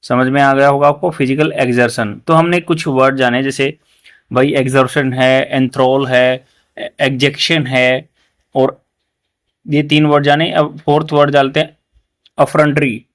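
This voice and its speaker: A man with an Indian English accent teaching English vocabulary in Hindi, explaining each word and reading English sentences slowly and carefully. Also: mid-range voice, little pitch movement, a bit bright, clear, resonant tone. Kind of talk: newspaper reading lesson.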